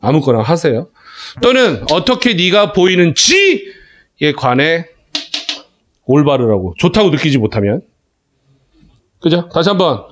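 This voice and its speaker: A man teaching a class of students, talking in a casual, animated way, calling on students by name and checking they follow. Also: a little high, a little slow, long pauses. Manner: animated, calls students by name, asks "그지?" often. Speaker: academy English teacher. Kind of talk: classroom lecture.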